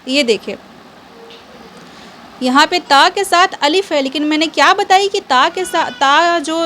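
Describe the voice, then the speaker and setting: A high-voiced woman gives a patient, step-by-step online reading lesson. She asks a question, answers it herself, and checks in with learners again and again. A faint hiss sits under her voice. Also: unhurried, sharp tone. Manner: reassuring, checks in with frequent okays. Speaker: Quran reading teacher.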